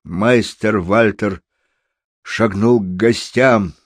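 A man narrating a story aloud, lively and slipping into voices for the characters. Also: on the low side, extremely slow, dry recording, studio quality. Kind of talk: storybook reading.

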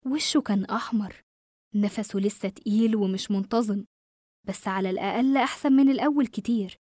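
Dark-toned Egyptian woman telling a horror story. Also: mid-range voice, brisk, no echo, studio quality. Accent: Egyptian Arabic. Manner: steady, suspenseful storytelling. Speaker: narrator. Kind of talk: scripted horror story narration.

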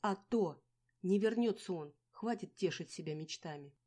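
Woman doing a young woman friend, blunt, protective, loud, scolding, audiobook. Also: fairly low pitch, steady tone, normal speed, lightly acted.

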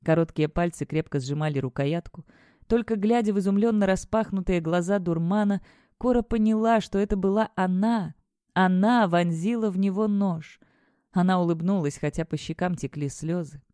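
This is a steady, measured audiobook narrator with a mellow, dark tone. The mic is close and dry. Each line is read with even control. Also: mid-range voice, clean tone, dry recording.

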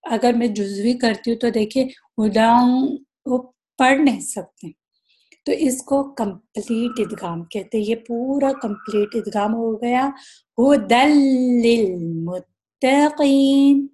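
A woman with a slightly high voice teaches Quran recitation rules in a recorded lesson. She explains patiently and stretches each recited example slowly. Now and then she mixes English words into her teaching. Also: mellow.

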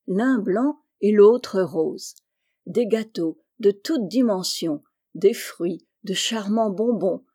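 A woman reading a classic novel aloud in a measured, unhurried way. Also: medium pitch, dark tone, slightly rough. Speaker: audiobook reader. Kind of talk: scripted narration.

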